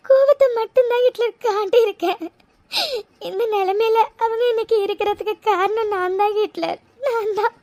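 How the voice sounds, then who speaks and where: Brief: sobbing guilty young daughter in a cartoon, voiced by a woman, squeaky-high and tearful, dry booth. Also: a little mellow, no echo. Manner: sobbing, pleading. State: crying. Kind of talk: cartoon voice acting.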